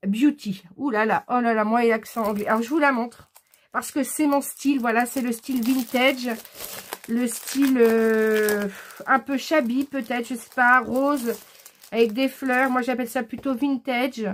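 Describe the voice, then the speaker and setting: A woman chatting casually in a haul video, enthusiastic and hesitant, often pausing with "euh" as she shows her scrapbooking purchases. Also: fairly high pitch, steady tone, slight background noise.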